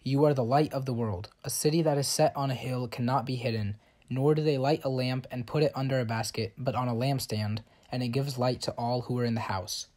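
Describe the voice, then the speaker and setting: A man reading scripture in a church service, slow and measured, almost chanted. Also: medium pitch, darkish tone. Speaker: church reader.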